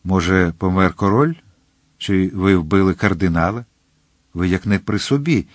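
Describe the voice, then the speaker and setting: Reserved veteran swordsman, grave, low voice, read by a male narrator. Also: moderate pace, no room sound. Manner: restrained, grave.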